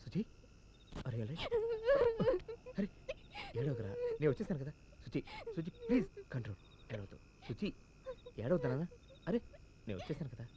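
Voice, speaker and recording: An earnest, pleading young hero. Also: male voice, a little high, wildly swooping pitch, moderate pace, long pauses, crowd noise. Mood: soothing. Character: young man pleading with his lover. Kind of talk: dubbed film drama.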